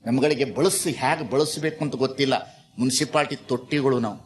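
A man giving a sermon as a spiritual teacher, dramatic and repetitive, swinging between soft and loud. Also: medium pitch, normal speed.

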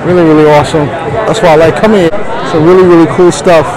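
A masked man hosts a walking vlog across a busy indoor convention hall, talking casually in laid-back slang. He speaks fast, with a fairly high pitch and a level tone. Background crowd chatter and hall noise fill the noisy recording.

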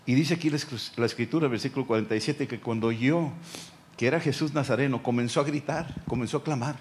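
A Mexican pastor preaches a sermon in a middle-pitched voice. He moves in waves, repeating phrases and then dropping to quiet lines. A faint hiss of noise runs underneath. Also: fast talker.

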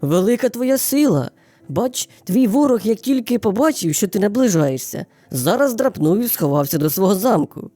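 Woman doing a sneaky little hare, super polite and flattering, lively mellow voice, soft music. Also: mid-range voice, normal speed, no room sound, natural voice. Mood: sly. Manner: bowing, flattering, sing-song storytelling. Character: small clever male hare, polite and cunning. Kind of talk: storybook character voice.

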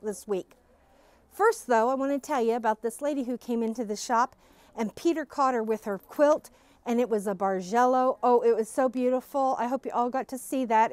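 A middle-aged woman with a voice on the high side gives a casual, bubbly, gushing tour of new quilt-shop stock, talking through a face mask to a phone camera that follows her. There's no room sound.

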